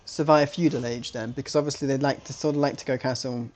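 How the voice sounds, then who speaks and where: A man's voice: medium pitch, steady tone, quick pace, darkish tone. A man casting a strategy game live, talking in a chatty, rambling way, often restarting his sentences. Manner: rambling, self-correcting, chatty. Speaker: esports caster.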